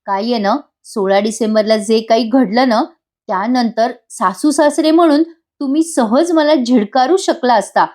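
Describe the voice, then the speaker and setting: A woman's voice: on the high side, darkish tone. A woman voicing a cheerful, affectionate young daughter-in-law who coaxes and teases.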